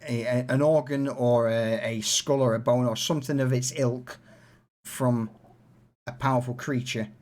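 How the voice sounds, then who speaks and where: A man's voice: mid-range voice, fairly even intonation, moderate pace, a little mellow, soft background music. A man running a tabletop game, explaining things in an informal, casual way. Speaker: game master.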